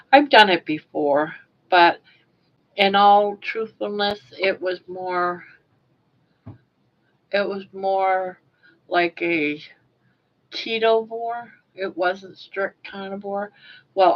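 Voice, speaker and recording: An older woman with soft, toothless articulation from a sore mouth, chatting casually and a little self-consciously on a livestream in a rambling way. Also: on the low side. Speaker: livestream host. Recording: dull lo-fi webcam or phone audio.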